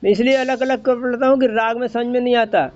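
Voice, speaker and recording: A woman teaching a chant line by line, slowly correcting each syllable's pronunciation. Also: on the high side, fairly even intonation, a little mellow. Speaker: religious teacher. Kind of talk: line-by-line recitation lesson. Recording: dull lo-fi recording.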